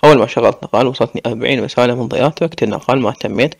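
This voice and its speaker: Fast gravelly Iraqi storyteller man. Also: medium pitch. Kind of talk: first-person story narration.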